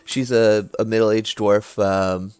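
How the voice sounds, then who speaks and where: Male game master, lowish voice, casual hesitant tabletop narration, faint music underneath. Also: steady tone, slow, darkish tone, clear, resonant tone, no room sound.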